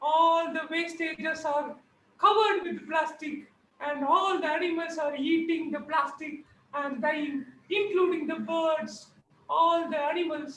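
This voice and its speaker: A man's voice: extremely high pitch, fairly even intonation, very slow, fairly bright tone, reverberant, far from the mic, slight background noise, full character voice, rough recording. A man voicing a fussy, caring old grandmother puppet who calls out shrilly, mixing Tamil and English. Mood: worried. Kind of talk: puppet show.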